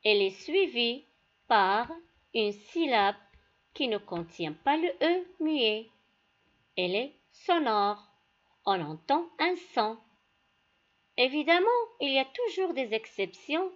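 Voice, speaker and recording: Slow, lively-voiced woman teacher. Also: on the high side, highs cut off. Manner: slow, deliberate, addresses pupils directly. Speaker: primary school teacher. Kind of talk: classroom lesson.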